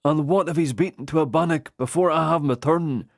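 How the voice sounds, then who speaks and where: A man voicing a gruff ghostly Highland soldier who fires off quick, challenging questions. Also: no echo, studio quality.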